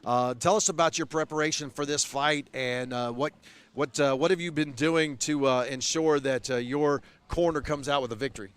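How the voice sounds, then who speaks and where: A man's voice: on the high side, moderate pace, clear, resonant tone. A man working as a fight night interviewer, talking in a wordy, hesitant way full of uhs before a bout. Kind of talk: pre-fight sports interview.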